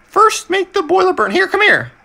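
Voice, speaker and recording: A woman's voice: extremely high pitch, sing-song, moderate pace, vocal fry, pushed and bright, exaggerated voice. A woman voicing a jumpy, chatty cartoon devil boy in a Minecraft let's play role-play, easily startled. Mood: puzzled.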